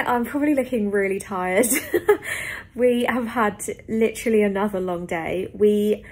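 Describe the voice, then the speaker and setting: A woman's voice: medium pitch, a little mellow, slightly rough. A young woman from the UK chatting casually to camera in a travel vlog, full of ums and likes. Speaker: vlogger.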